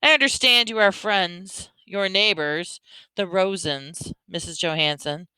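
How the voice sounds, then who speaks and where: A man's voice: high-pitched, measured pace, pushed and bright, smooth, no room sound, voice pushed up, full character voice, low-quality recording. A woman voicing a harsh, angry soldier in a storybook reading, with a raised voice. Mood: demanding. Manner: angry, demanding. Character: harsh, loud German soldier, grown man.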